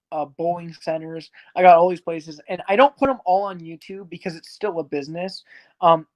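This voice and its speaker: A fairly high, slightly mellow voice belongs to a man in his early twenties who owns an arcade. As a guest in a casual interview, he talks frankly and rambles, with lots of fillers.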